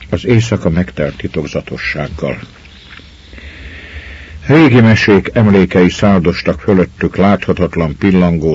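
Low raspy guy narrating a story, pitch moves a lot, muffled lo-fi recording. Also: a little mellow.

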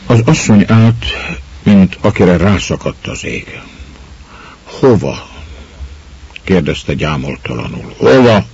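A man reading a story aloud as narrator, with slow, dramatic storytelling, on a slightly muffled recording. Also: sits low, lively intonation, darkish tone, slightly rough. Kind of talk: audiobook narration.

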